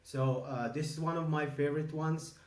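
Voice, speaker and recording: Croatian-raised man co-hosting a podcast, halting speech full of fillers, echoey room, somewhat distant mic. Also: fairly high pitch, fairly even intonation. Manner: halting, many filler ums and restarts. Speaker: podcast co-host. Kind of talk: casual podcast chat.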